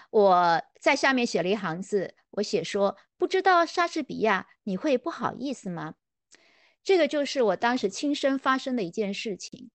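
A woman's voice: medium pitch, dry recording. A middle-aged woman, a literature scholar telling a personal story in a reflective, conversational lecture and acting out the quoted dialogue.

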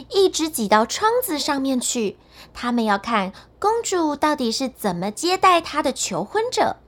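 A woman telling a children's bedtime story with a high, bright voice. She reads slowly and gently, with a very lively rise and fall in her tone. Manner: gentle, expressive read-aloud.

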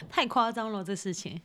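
A woman's voice: medium pitch, a little hiss or hum. Giggly young woman co-host. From Taiwan. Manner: giggly, teasing banter. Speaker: podcast co-host. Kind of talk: casual chat.

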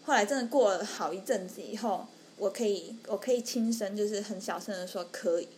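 With a brisk, mid-range voice and a darkish tone, a young podcast co-host chats casually through a story, acting out whoever she quotes. A little hiss or hum sits in the background.

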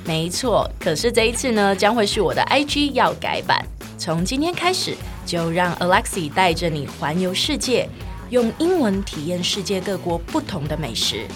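A woman's voice: on the low side, very animated, normal speed, over music. A woman hosting a bilingual English lesson, explaining phrases patiently with a teasing, playful manner. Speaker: English teacher and host.

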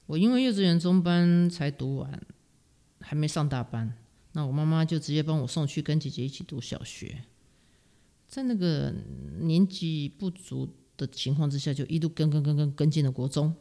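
Middle-aged woman, Taiwanese Mandarin accent, animated storyteller, laughs a lot, self-mocking, casual interview guest. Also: low-pitched, normal speed. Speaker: guest, music teacher.

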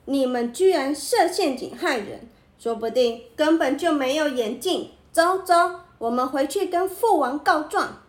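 A woman's voice: on the high side, expressive, takes it slowly, reverberant. A woman doing an indignant donkey prince. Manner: loud, indignant. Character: proud angry male donkey prince.

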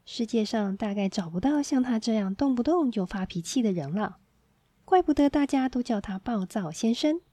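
Woman reading a children's story, mellow tone. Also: fairly high pitch, moderate pace, no room sound. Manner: gentle, expressive reading to children.

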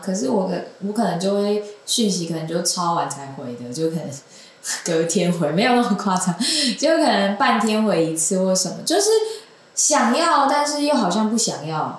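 A young woman tells a long story as a guest in a casual chat, rambling and giggling as she goes. Her pitch swings widely and lively. The room around her rings with heavy echo. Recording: roomy echoing room.

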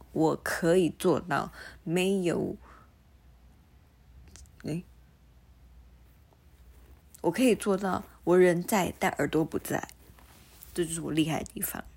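A woman's voice: lowish voice, breathy edge. A woman podcast host telling stories casually and alone, with slightly slurred articulation from a mouthguard, playfully mocking herself, acting out conversations and dropping in English words. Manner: self-mocking, animated re-enacting of conversations. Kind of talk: casual solo storytelling chat.

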